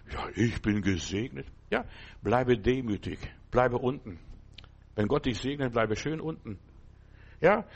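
A man preaching a sermon in German, animated, addressing listeners directly and breaking into sudden emphatic bursts. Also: medium pitch, slightly rough. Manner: addresses listeners directly, often asks "verstehst du".

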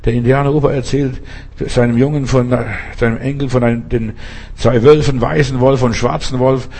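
Husky-voiced man preaching emphatically. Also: mid-range voice, steady tone, moderate pace, a little mellow. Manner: emphatic, addresses listener directly with rhetorical questions. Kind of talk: sermon.

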